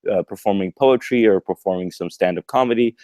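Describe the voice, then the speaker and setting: A young man from Egypt with an American accent, a program manager talking in a relaxed, friendly way over a video call, with fillers and kept fairly quiet. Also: lowish voice, brisk, dry recording. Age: young adult.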